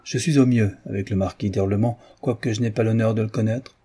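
Audiobook: male reader doing a teasing, courteous gentleman rogue, lifted and bright in spirit over a dark, husky base. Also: lowish voice, fairly even intonation, brisk. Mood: playful. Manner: airy, polite, playful. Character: jaunty, gallant, teasing gentleman adventurer.

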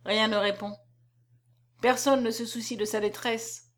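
A woman narrating a novel aloud in an expressive, dramatic reading. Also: on the high side, a little slow.

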